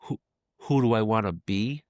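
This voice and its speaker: Man, 50, podcast guest; low-pitched, dry sound, earnest reflective delivery. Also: moderate pace, a little mellow, dry recording. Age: 50s. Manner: earnest, reflective, repeats phrases while thinking. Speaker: podcast guest, creative executive. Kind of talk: casual reflective interview talk.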